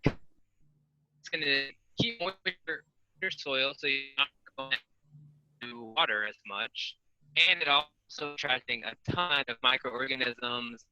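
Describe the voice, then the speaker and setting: A man's voice: mid-range voice, takes it slowly, bright, forceful tone, dry recording, muffled recording. A man walks through garden plots on a video call, talking loosely with many ums while his audio cuts in and out and his volume jumps around. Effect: audio cutting out, uneven volume. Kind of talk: casual walkthrough explanation.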